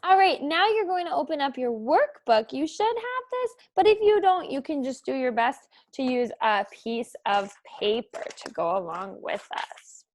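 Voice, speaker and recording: A woman's voice: high-pitched, sing-song. A young woman teacher leading a phonics lesson for young children, encouraging them and praising them often. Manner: slow, sing-song, encouraging with frequent praise.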